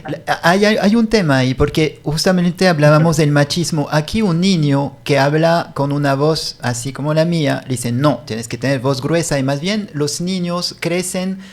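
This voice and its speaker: A man from Europe with a light voice that sits a bit high. He hosts a radio interview in a jovial, easygoing way and laughs easily. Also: moderate pace, hardly any pauses. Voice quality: light, not deep voice. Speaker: radio host.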